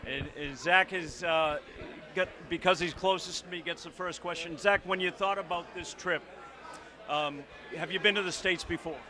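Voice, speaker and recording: A man's voice: high voice, fairly even intonation, moderate pace, pushed and bright. A man reporting on site for local sports coverage, interviewing young players and thanking them in an upbeat, encouraging way.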